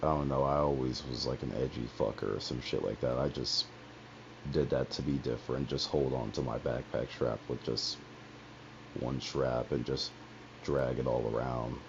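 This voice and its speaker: A man's voice: rumbling low, steady tone, moderate pace, vocal fry. A young man streamer telling a personal story on a headset, rambling and profane with lots of asides. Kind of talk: casual personal storytelling on a livestream. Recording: dull lo-fi headset audio with faint hiss.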